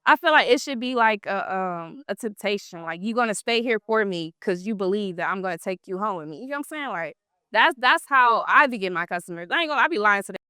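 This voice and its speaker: A woman, an exotic dancer being interviewed, telling blunt, profane stories in a casual, animated way. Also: medium pitch, fast, clean tone, dry recording, clean studio sound.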